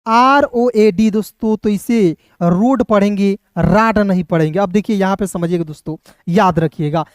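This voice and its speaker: A man teaches reading by spelling each word letter by letter and then sounding it out. He speaks somewhat softly and keeps checking in with his viewers. The sound is dry, with no room echo. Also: high-pitched, clear, resonant tone. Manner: keeps addressing viewers as friends and checking they follow.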